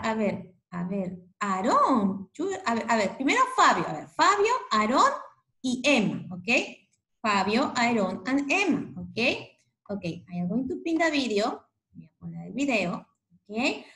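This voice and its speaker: Female teacher for an online class, slow and deliberate, slightly high voice, echoey room, mixes two languages, keeps checking in with "ok". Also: fairly bright tone. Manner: switches between English and Spanish, repeats "ok" often.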